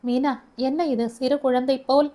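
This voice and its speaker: Woman doing a soft-spoken young man, caring, coaxing, fairly high voice, audio story. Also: fairly even intonation, a little slow.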